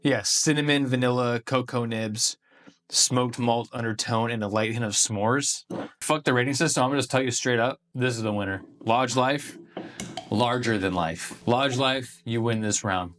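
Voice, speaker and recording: A man's voice: medium pitch, moderate pace, a bit bright, slight background noise. Laid-back, swearing man tasting beer. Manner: laid-back, profane, slangy. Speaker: beer reviewer vlogger. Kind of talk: casual tasting review.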